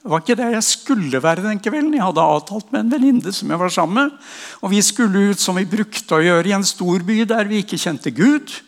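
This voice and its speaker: A man's voice: sits high, lively intonation. An older man from Norway giving an earnest testimony and prayer as a preacher. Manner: earnest storytelling, ends in slow prayer. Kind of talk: sermon testimony. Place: church hall. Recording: long hall reverb.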